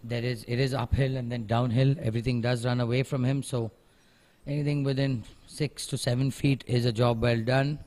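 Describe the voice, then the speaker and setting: A man's voice: mid-range voice, little pitch movement, moderate pace, darkish tone. A man giving conversational live golf commentary, analysing each shot and offering encouraging remarks.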